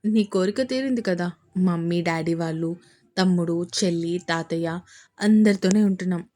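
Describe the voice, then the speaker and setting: A woman voicing a young husband who teases his wife playfully and then speaks tenderly, her voice dropped low. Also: moderate pace, mellow, close to an everyday voice. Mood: teasing. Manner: playful, coaxing, husky-toned.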